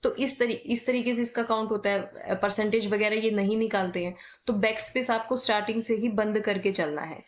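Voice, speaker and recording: A woman with a mid-range voice and a North Indian Hindi accent teaches typing in a casual spoken tutorial. She repeats her points, often checks in with "ठीक है", and spells letters out slowly.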